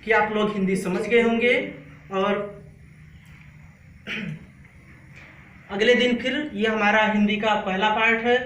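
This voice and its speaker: A male teacher with a high-pitched, bright voice leads a class lesson. He drills each sound, repeats it, and keeps asking the class to answer back. The voice rings in an echoey room with faint noise behind it.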